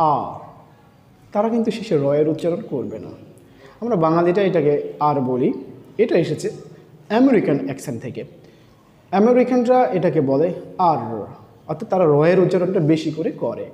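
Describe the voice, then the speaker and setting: A man teaching English letter sounds, repeating each letter slowly and explaining how to shape the mouth. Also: a little high, sing-song, mellow. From Bangladesh. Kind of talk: slow pronunciation lesson. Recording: echoey room with long reverb.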